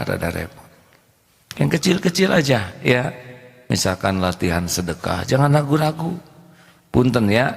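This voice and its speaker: Gravelly-voiced preacher in a hall. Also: male voice. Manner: lively, swings to high voice for emphasis and quoted speech; talks directly to the audience, asks them to answer. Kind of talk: sermon. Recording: long hall reverb.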